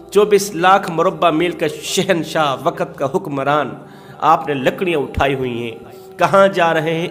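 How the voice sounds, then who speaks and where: A man's voice: on the high side, fairly bright tone. A man preaching an emotional storytelling sermon, impassioned and repeating phrases for emphasis. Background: faint music.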